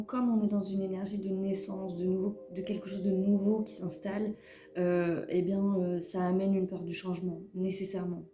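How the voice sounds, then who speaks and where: A woman giving a casual weekly card reading, talking hesitantly with many fillers and repeated words. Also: medium pitch. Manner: self-mocking about her English. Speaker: tarot reader giving a weekly guidance. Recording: roomy echo with faint music behind.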